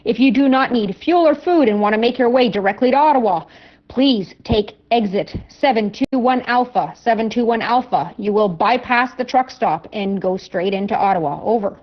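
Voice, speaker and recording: Lady dispatcher on a cb walkie talkie, kinda high voice, lo-fi muffled radio sound, repeats directions carefully. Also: normal speed. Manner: clear, methodical, repeats directions, ends with "over". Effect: over CB walkie-talkie radio. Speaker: convoy dispatcher. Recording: lo-fi radio transmission.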